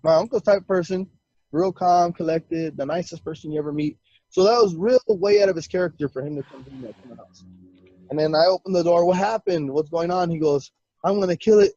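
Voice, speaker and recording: A man telling an encounter story as an interview guest, excitedly acting out quoted voices and laughing often. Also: fairly high pitch, fairly quick, gravelly, dry recording. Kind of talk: animated storytelling. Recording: dull lo-fi dry sound.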